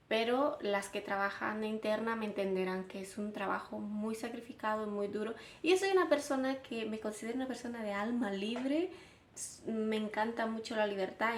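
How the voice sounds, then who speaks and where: Chatty woman vlogging. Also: mid-range voice. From Honduras. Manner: chatty, with many fillers and restarts. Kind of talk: casual vlog talk to camera. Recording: roomy echo, faint background hum.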